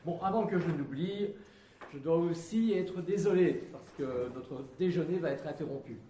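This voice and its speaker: A man's voice: fairly high pitch, normal speed, warm tone, slight background noise, close to an everyday voice. An actor playing a polished, dryly humorous businessman in a stage comedy. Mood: courteous. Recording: echoey theatre stage.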